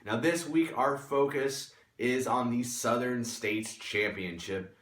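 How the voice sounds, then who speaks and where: A man hosting a wrestling show, introducing segments in an emphatic, measured presenter style. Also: mid-range voice, fairly bright tone. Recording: echoey room.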